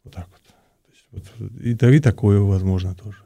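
Halting male priest with a very mellow, low voice. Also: vocal fry, breathy edge. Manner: halting, repeats words and searches for phrasing. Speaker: priest, interview guest. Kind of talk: conversational explanation, answering questions.

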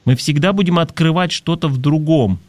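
This advice show host talks briskly in a fairly high, darkish voice with no echo. Reading messages from listeners, he reflects conversationally, explains his thinking and poses rhetorical questions.

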